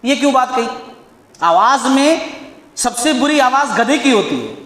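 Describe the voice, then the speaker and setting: A man's voice: extremely high pitch, lively intonation, fairly bright tone. A man giving a Friday sermon in a mosque, explaining with rhetorical questions and tag questions. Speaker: preacher. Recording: echoey mosque hall.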